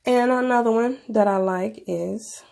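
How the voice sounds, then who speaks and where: A woman's voice: a little high, unhurried, gravelly, darkish tone. A woman with a stuffy nose from a cold, presenting a casual tech review in an informal, conversational way. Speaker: video presenter.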